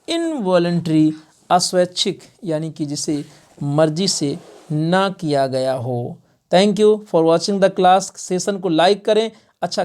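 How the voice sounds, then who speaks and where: A man teaching an online English exam-prep class, lively and direct, quizzing students and slowing down to read the English options aloud. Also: a little high. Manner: lively, drills answers, asks questions to the class; calls the class "my dear".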